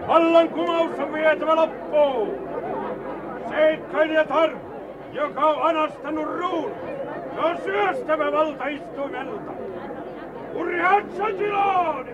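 An actor playing a boisterous, bragging adventurer turned rebel colonel who bellows military commands, in a vintage radio drama. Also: male voice, mid-range voice, sing-song, muffled recording. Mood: bellowing commands. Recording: noisy old radio play, crowd behind.

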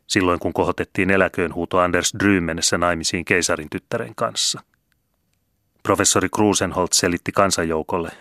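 Man, audiobook narrator, steady storytelling, low pitch, dry close sound. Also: dry recording. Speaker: audiobook reader. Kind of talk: scripted narration.

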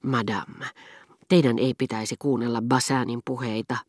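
A woman reading the part of a witty, sharp-tongued duchess in an audiobook, emphatic and mocking. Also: extremely low pitch, steady tone, dry recording, studio quality. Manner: emphatic, mocking, earthy chest voice.

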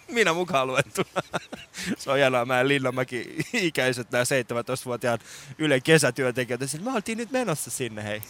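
A man's voice: mid-range voice, big pitch swings, fairly bright tone. A man hosting a radio show with playful, mock-solemn joking chat in a studio. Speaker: radio host.

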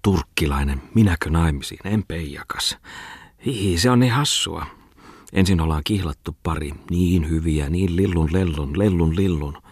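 A man voicing an excitable middle-aged man who rants in a whining, high-pitched voice. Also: breathy edge, no echo, studio quality. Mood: muttering mockery.

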